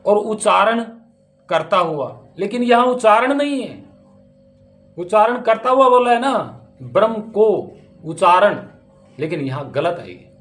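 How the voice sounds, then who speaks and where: A man with a notably high voice delivers a spiritual discourse on scripture. He speaks emphatically and keeps asking pointed rhetorical questions. Faint instrumental music plays underneath. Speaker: spiritual teacher.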